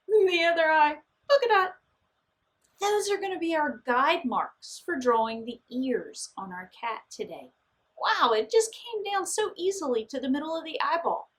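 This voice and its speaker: In a fairly high voice, a woman art teacher takes children step by step through drawing and painting. She keeps her phrases simple, encouraging and reassuring.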